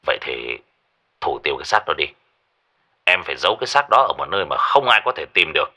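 Brief: a cold, composed young man, read by a male narrator, low and measured. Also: big pitch swings, sharp tone, exaggerated voice. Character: calm, cold young man texting orders.

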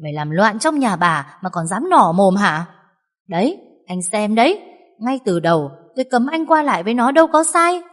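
A woman's voice: sing-song, normal speed. A woman voicing a bossy, scolding older mother-in-law in a reverberant recording. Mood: scornful. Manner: shrill scolding. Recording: long reverb.

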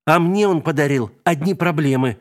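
A man putting on a high, agitated young mother. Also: normal speed, lightly acted. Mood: determined. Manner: raised, agitated voice. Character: frantic young mother, emotional and determined.

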